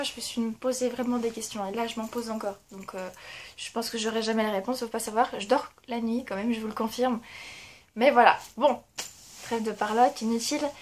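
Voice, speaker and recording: Young woman book blogger, high voice, self-mocking, casual chat. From France. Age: young adult. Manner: chatty, self-mocking, laughs often. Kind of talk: casual monthly reading review.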